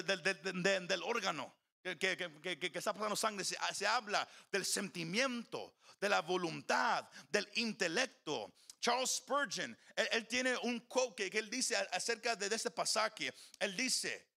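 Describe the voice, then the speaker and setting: A man's voice: high-pitched, moderate pace, vocal fry, hardly any pauses, sharp tone. A male pastor preaching a sermon in an earnest manner, often repeating words and slipping into English phrases. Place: church.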